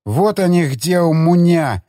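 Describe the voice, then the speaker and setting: A man voicing a very drunk male henchman who slurs and mumbles his words slowly in an audiobook. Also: a little high, animated, mellow, no room sound, studio quality, pitched above the performer's own voice. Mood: drunken. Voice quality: slurred, slow mumbling. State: drunk, slurring.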